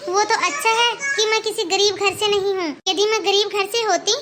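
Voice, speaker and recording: A woman's voice: extremely high pitch, steady tone, normal speed, background noise. A woman voicing an earnest young married woman in a cartoon, talking with a reproachful tone. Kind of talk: Hindi cartoon voice acting.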